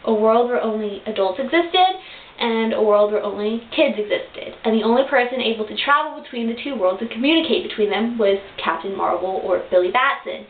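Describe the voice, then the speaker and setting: Young woman, higher voice, eager fan reviewer, lo-fi phone-like sound with hiss. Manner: gushing, excitable, many fillers and restarts. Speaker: vlogger reviewing a cartoon episode. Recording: tinny lo-fi webcam audio in an echoey room with hiss.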